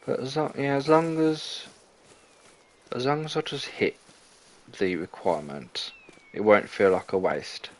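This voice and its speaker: Out of breath, a young man streams a hunting game and rambles chattily to his viewers, often correcting himself mid-sentence. His medium-pitched voice has fairly even intonation, a measured pace, and frequent pauses.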